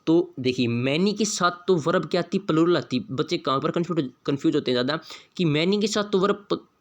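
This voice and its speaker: A man's voice: fairly high pitch, animated. Man drilling grammar answers. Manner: drills points with repeated question-and-answer; reads example sentences slowly. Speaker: English grammar teacher. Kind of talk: exam-prep lesson.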